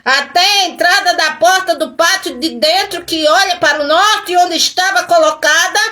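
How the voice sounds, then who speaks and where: A woman's voice: very high voice, moderate pace, bright, forceful tone. A woman pastor preaching a sermon, emphatic and full of rhetorical questions.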